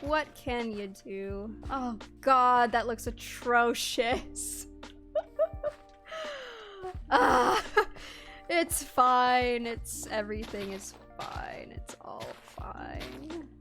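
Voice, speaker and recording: A woman's voice: fairly high pitch, very slow, gravelly, bright, forceful tone, soft background music. A Canadian-born woman streaming a game, chatting casually and reading chat aloud, laughing often.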